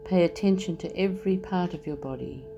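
A woman leading a guided meditation, speaking softly and soothingly as she talks the listener through relaxing the body. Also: fairly low pitch, muffled recording. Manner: slow, soft and soothing. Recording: soft music underneath.

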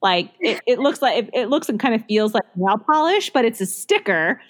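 A woman's voice: on the high side, very animated, moderate pace. A woman in her thirties co-hosting a podcast, chatting casually and laughing often, with plenty of likes and ums. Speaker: podcast co-host. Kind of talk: casual chat.

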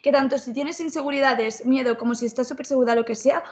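A woman's voice: high voice, fairly even intonation, fast, a little mellow. A young woman, co-hosting a casual podcast over a video call, chatty and slangy. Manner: chatty, slangy, fillers like "en plan" and "tía". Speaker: podcast co-host.

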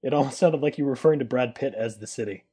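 A man's voice: mid-range voice, very fast, warm tone, breathy edge. A man co-hosting a casual podcast, making playful, joking asides. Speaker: podcast co-host. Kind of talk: casual chat.

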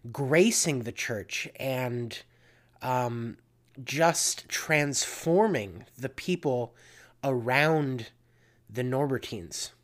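Slow, earnest spiritual reflection speaker. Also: medium pitch. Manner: slow, earnest, repeats key phrases.

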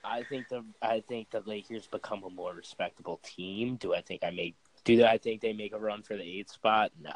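A man's voice: lowish voice, fairly even intonation, normal speed, hardly any pauses, dry recording, low-quality recording. A young man co-hosting a casual sports podcast, hesitant and often restarting his sentences. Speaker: podcast co-host.

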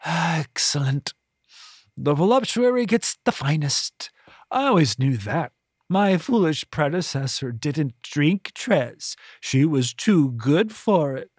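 A narrator voicing a pompous, bitter middle-aged woman high priestess who talks in a haughty, drawn-out sneer. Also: big pitch swings, slightly rough, no echo, clean studio sound, heavily acted. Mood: scornful.

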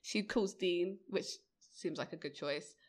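A woman's voice: on the low side, measured pace. A woman co-hosting a podcast, chatting easily about a TV episode with lots of fillers and laughter. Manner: easygoing, laughs often, many fillers. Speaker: podcast co-host. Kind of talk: casual chat recapping a TV episode.

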